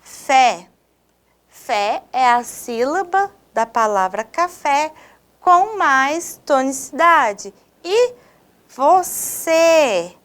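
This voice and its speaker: Slow, high-voiced Brazilian woman teacher. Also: animated, a bit bright. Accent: Brazilian Portuguese. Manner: slow, clearly stressed didactic delivery addressing students. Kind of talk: scripted video lesson.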